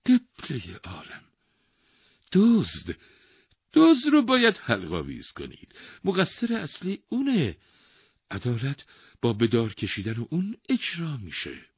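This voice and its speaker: A man voicing a poor, frightened old woodcutter who pleads humbly in a husky voice. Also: low-pitched, big pitch swings, a bit bright, no room sound, clean studio sound, exaggerated voice. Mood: eager.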